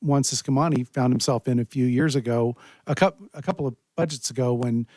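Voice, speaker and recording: A man's voice: mid-range voice, fairly quick, a little mellow, no echo. An American man co-hosting a radio show from the studio, chatting casually about politics and local news. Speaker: radio co-host and producer behind the glass.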